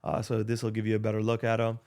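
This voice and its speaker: A man's voice: fairly low pitch, monotone, quick pace, a little mellow. A young man, rambling through a casual vlog with lots of fillers and restarts, into a desk microphone. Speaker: vlogger.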